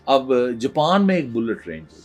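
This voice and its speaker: Husky guy lecturing, swoops up and down a lot, soft music under it. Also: medium pitch. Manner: animated storytelling with frequent fillers and restarts. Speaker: professor. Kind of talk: lecture on creativity. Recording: faint background music.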